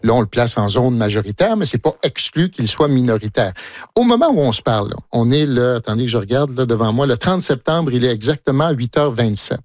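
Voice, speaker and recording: A man's voice: mid-range voice, expressive, brisk, a little mellow, no echo, studio quality. Probing male radio interviewer. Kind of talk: news interview questions.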